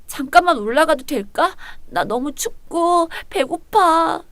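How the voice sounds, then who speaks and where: A woman's voice: extremely high pitch, animated, unhurried, a bit bright, no echo, full character voice. A woman voicing a scheming young woman who whines, sobs and begs. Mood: pleading. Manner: whiny, sobbing, pleading.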